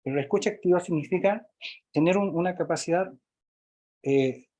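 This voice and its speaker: A man's voice: high voice, moderate pace, dark tone. A man teaching a workshop, explaining step by step and often checking in with tag questions. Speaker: workshop instructor. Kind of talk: recorded online workshop lesson.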